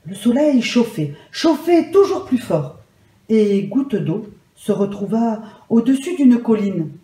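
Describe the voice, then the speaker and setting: A woman telling a children's story aloud in a calm, measured and soft way. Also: on the high side. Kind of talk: gentle read-aloud storytelling. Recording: roomy echo.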